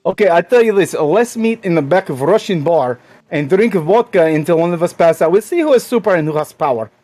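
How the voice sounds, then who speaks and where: A man voicing a boastful Russian male racing driver with a mock Russian accent and broken English, bragging deadpan over a voice call. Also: sits high, a little fast, dry recording. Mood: boasting. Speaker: guest driver.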